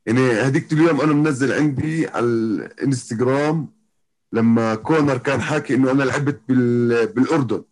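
A man from Jordan, a professional MMA fighter, talks a little fast in a darkish, mid-range voice. Speaking casually as an interview guest with a Palestinian-Jordanian Arabic accent, he often circles back over what he's just said.

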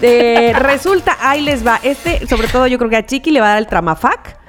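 Picture a woman co-hosting a casual chat, her pitch in a middle range. She keeps the talk going with frequent "ujú" and "ajá" sounds. Soft music plays faintly behind her. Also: lively intonation, moderate pace. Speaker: co-host.

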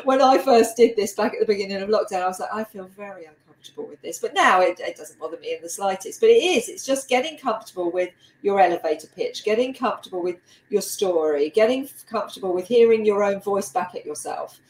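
A woman's voice: medium pitch, lively intonation, quick pace, darkish tone. A woman with a slight South London twang, hosting a casual interview in a chatty, laughter-prone way. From lived a long time in South London. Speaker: interview host. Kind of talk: casual video-call interview. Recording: roomy echo, faint background noise.

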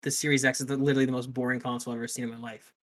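A man's voice: medium pitch, level tone, racing, a bit bright. A man co-hosting a casual gaming news podcast, talking loosely, swearing offhandedly and often restarting his sentences. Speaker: podcast co-host.

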